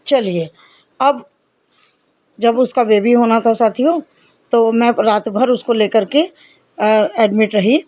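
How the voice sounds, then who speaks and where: A woman's voice: on the high side, slow, long pauses, no echo. Middle-aged woman, earnest devotional storyteller, talks to listeners as companions, dry and slightly dull recording. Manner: earnest, addresses listeners as companions, reenacts dialogue. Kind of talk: personal testimony storytelling.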